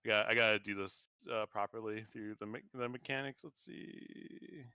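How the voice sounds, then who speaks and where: A man's voice: fairly low pitch, steady tone, fairly quick, pushed and bright, smooth, no room sound, studio quality. A man narrating as game master of a tabletop game, rambling with many fillers and restarts.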